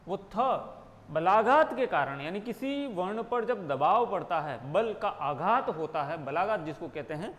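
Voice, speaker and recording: A man's voice: high voice, in a large hall. A man with a Rajasthani accent teaching a grammar lesson, explaining step by step and asking and answering his own questions.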